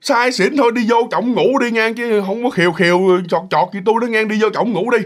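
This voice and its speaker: A man's voice: high-pitched, fairly quick, voice pushed up, natural voice. A man with a Southern Vietnamese accent voicing an irritated middle-aged wife who scolds her drunk husband, nagging and repeating herself. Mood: exasperated.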